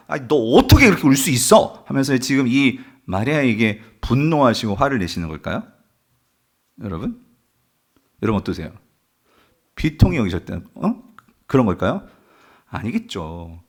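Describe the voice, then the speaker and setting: A man preaching as pastor to his congregation, asking questions and building to impassioned climaxes. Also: medium pitch. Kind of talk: sermon. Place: church sanctuary.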